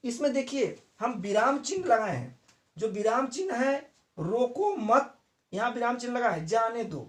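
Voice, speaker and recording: A man's voice: very high voice, lively intonation, fairly quick. A man teaching a lesson to teacher trainees, explaining step by step, repeating key terms and using many fillers. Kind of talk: classroom lecture for teacher trainees.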